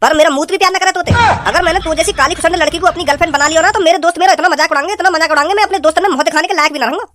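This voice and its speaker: A woman's voice: very high-pitched, rapid-fire, hardly any pauses, fairly bright tone, a little hiss or hum. A woman voicing a rude, mocking young village man in a Hindi cartoon comedy, with blunt, sneering, rustic speech.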